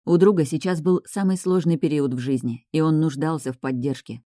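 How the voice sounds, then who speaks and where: A woman narrates a novel in a steady, even read. Her voice is low and mellow. The recording is dry and close. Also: brisk, dry recording. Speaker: audiobook narrator. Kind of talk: scripted narration.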